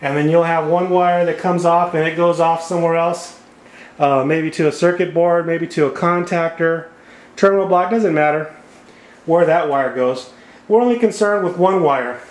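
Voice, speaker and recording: In an indoor room at a whiteboard table, a man teaching HVAC repair explains wiring step by step as he draws, filmed by a camera above the board. His voice is on the high side at a moderate pace, and the room sounds echoey.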